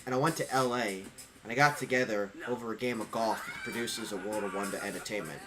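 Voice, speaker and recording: A man's voice: lowish voice, fast talker. A man co-hosting a casual chat podcast, joking, sarcastic and swearing freely. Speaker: podcast co-host.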